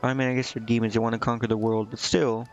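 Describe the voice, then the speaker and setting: A male game streamer reads on-screen text aloud during a livestream and tosses in offhand, slangy comments between lines. His medium-pitched voice is flat and quick, the audio is dull, and soft music plays underneath.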